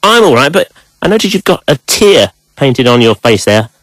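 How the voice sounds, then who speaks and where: A man's voice: mid-range voice, sing-song, normal speed, fairly bright tone, no room sound. A British man hosting a comic radio show, mixing scripted links with interview chat. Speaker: radio host.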